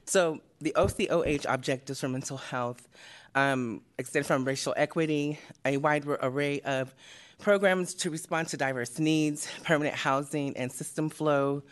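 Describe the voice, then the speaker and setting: A woman's voice: deep voice, a little hiss or hum. A winded woman works her way through a committee presentation at a public meeting. She stumbles and restarts, filling the gaps with ums as she catches her breath. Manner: breathless, halting with many fillers. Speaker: committee member. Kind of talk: reading a presentation.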